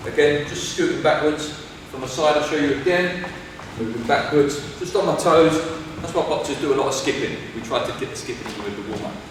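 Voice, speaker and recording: A man's voice: fairly high pitch, fairly quick, noisy background. A young man coaching boxing, explaining and demonstrating moves while counting through the drills. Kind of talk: instructional coaching demo. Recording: roomy hall echo from far off.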